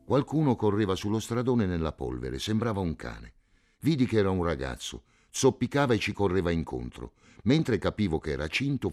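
Male literary audiobook narrator, very low voice, measured pacing, quiet falling phrase ends. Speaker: narrator reading a novel.

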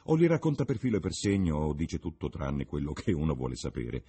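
Male reader voicing a languid, cynical aristocrat; deep, husky, dark tone. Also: huge pitch swings, fairly quick, exaggerated voice. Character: witty cynical young English lord.

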